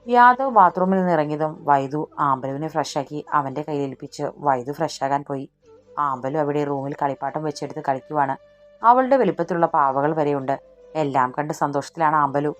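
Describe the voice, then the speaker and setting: A woman narrating a romantic story audiobook in steady scripted narration. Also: deep voice, a little fast, faint music behind.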